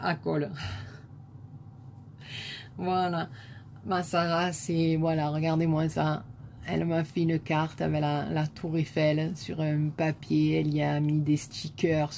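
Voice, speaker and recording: A woman with a southern French accent, a scrapbooking vlogger softly admiring crafts one by one in a casual show-and-tell chat. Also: low voice, gravelly, slight background noise.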